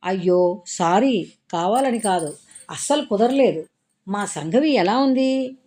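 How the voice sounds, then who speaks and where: A woman's voice: mid-range voice, expressive, slow, dark tone, pitched above the performer's own voice. A woman reading a Telugu audiobook story, voicing an apologetic, affectionate young man who soothes his crying girlfriend. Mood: apologetic, tender. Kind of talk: audiobook character voice.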